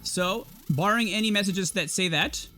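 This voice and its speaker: A man with a high, bright-sounding voice calls a live esports match as host. He gets excitable and chatty, talking through what he sees as he goes. Faint music plays underneath. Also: moderate pace. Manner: excitable, thinks aloud, chatty. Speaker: tournament caster and host.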